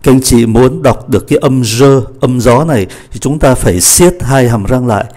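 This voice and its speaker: A man teaching French pronunciation, slowly modeling each phrase and then explaining it. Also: mid-range voice, a little mellow. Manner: slow, deliberate model readings of French phrases between quick explanations. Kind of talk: pronunciation lesson.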